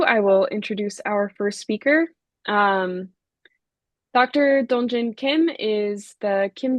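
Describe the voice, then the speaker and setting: A woman moderating an online talk, introducing speakers in a measured way with frequent fillers. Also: mid-range voice, dry recording. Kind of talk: webinar introduction. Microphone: video call.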